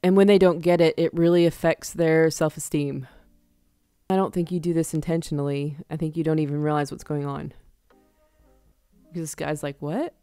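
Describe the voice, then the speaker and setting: Tarot reader, woman, low smooth voice, chatty with frequent laughs, dry close sound, soft music underneath. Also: steady tone, no room sound. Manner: chatty, laughs often, acts out quick examples. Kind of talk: casual tarot reading to camera.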